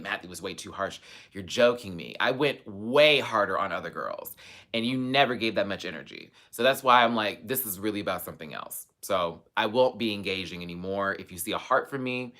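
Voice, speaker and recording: Hosting a livestream, a man with a fairly low, sharp-toned voice vents casually to his viewers. He is emphatic, sassy and colloquial, repeating phrases to drive his points home.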